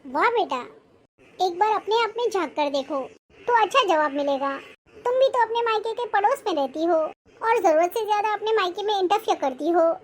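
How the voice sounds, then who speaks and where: A calm, wise middle-aged mother, played by a woman, reasons steadily with her grown daughter in a family drama. Her voice sits very high, and her gentle chiding has a light, teasing edge. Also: normal speed. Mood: gently chiding. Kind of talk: acted Hindi family short film.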